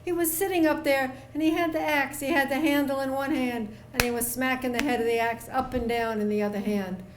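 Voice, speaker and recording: A woman voicing a calm, folksy older woman neighbor, recounting in an unhurried, homespun way. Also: high voice, echoey room, noisy background, lightly acted. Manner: unhurried, homespun storytelling with down-home phrasing.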